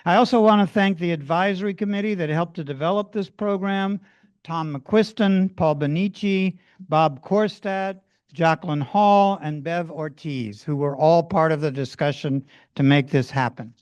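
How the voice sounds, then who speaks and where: Clear-voiced man introducing a library screening. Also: fairly high pitch, dry recording. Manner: measured, earnest speech with long lists of thanks. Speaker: event organizer introducing a film screening. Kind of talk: public event introduction. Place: public library event room.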